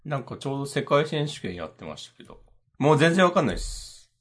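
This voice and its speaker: A man co-hosting a podcast in casual chat, quick to answer and laugh along. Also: a little high, sing-song. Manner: quick back-channel replies, laughs along. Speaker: podcast co-host.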